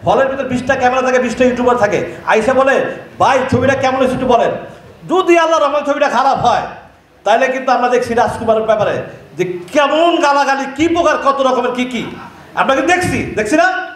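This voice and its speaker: A man's voice: very high-pitched, brisk. A man with a Bangladeshi Bengali accent gives a heated, combative speech to reporters at an event, jeering at critics with repeated rhetorical questions. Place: event hall with crowd and reporters. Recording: very echoey hall.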